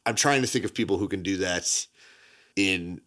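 A man co-hosting a casual movie podcast, laughing often and bursting into animated asides. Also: deep voice, moderate pace. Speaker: podcast co-host.

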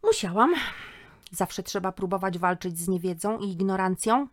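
A woman's voice: lowish voice, fairly even intonation, moderate pace, dry recording, clean studio sound, close to an everyday voice. A woman voicing an earnest, outspoken schoolgirl in a storybook reading, her voice raised well above her own. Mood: lively. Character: bright, outspoken schoolgirl daughter.

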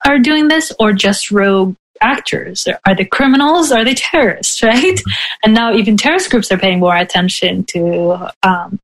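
A woman professor in a conversational interview, explaining her teaching with frequent soft laughs and "right?" tags. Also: medium pitch, rough recording. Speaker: professor, guest.

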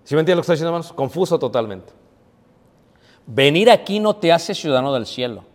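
Preacher, slightly high voice, echoing hall. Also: male voice, expressive, fast. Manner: conversational, asks the audience rhetorical questions. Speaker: preacher teaching a Bible class. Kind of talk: sermon. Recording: long reverb of a hall.

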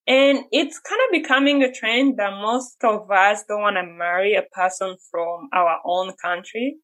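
A woman's voice: mid-range voice, a little slow, fairly bright tone, low-quality recording. A young woman co-hosting a casual podcast, asking questions and explaining her point in a curious way. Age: young adult. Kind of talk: casual chat.

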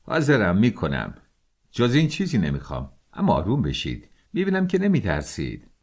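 A man voicing a cold, self-assured gentleman who accuses and lectures in a calm, measured way. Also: lowish voice.

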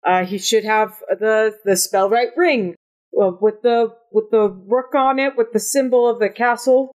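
A woman voicing a panicky male wizard who stammers and rushes his words in a frantic, breathless way. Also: high voice, voice pushed up, lightly acted. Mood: panicked.

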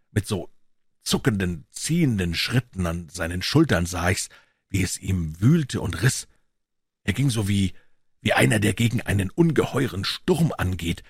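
A male narrator with a deep, very husky voice reads a story slowly and earnestly, leaning into its emotion. The recording is dry and close, with no room sound. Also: no echo. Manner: slow, earnest, emotionally charged delivery. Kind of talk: dramatic audiobook reading.

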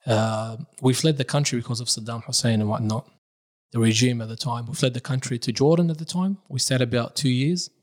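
A young adult man born in Iraq, who works as a religious reciter, tells his life story in a relaxed, casual podcast conversation, dropping in Arabic phrases. His voice is medium-pitched and brisk.

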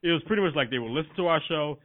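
A man co-hosting a podcast, talking in an animated, casual way, swearing freely and leaning on "you know". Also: on the high side, very fast. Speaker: podcast co-host. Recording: narrow phone-like audio.

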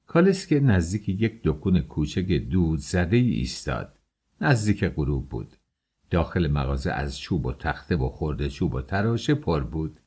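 Deep husky male audiobook narrator. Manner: expressive storytelling.

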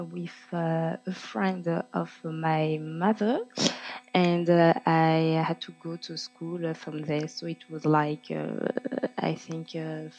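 A woman in her twenties with an Ivorian French accent answers interview questions in hesitant English, as a native French speaker. Her pitch sits slightly low and her pace is slow. The audio is dull and lo-fi. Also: darkish tone. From Ivory Coast. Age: 20s. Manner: halting non-native English. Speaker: interview guest. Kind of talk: casual interview.

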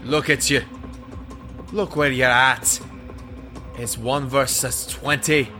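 A man's voice: mid-range voice, steady tone, slow, sharp tone, soft background music. A man playing a mocking, menacing gang boss in an action audio drama.

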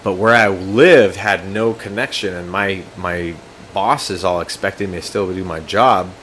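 A man's voice: low voice, measured pace, fairly bright tone, a little hiss or hum. A young man telling crude, joking anecdotes in casual chat over drinks. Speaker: guest.

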